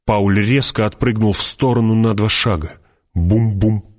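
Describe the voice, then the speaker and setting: Guy narrating an audiobook, fairly deep voice, slows down and goes quiet when it gets tense. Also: steady tone. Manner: measured, drops voice low and slows on tense moments. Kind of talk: scripted dramatic narration.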